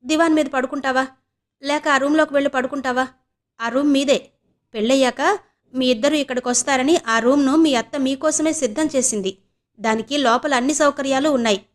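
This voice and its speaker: A woman voicing a calm, patient middle-aged husband who speaks mildly in an audio novel. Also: sits high, brisk, voice pushed up, close to an everyday voice. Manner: mild, reassuring.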